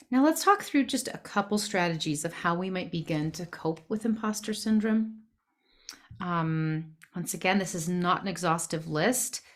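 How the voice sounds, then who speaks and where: Woman coach, presentation talk, lowish voice, reflective, explanatory. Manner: reflective, explanatory, frequent fillers.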